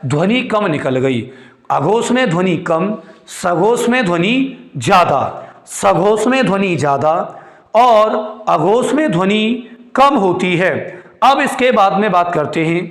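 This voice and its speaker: A man's voice: sits high, fairly bright tone, reverberant. A male teacher, giving a classroom lecture. He repeats his points, quizzes his students and calls them his kids. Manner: calls students "beti" and "chhote" fondly. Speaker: Hindi grammar teacher.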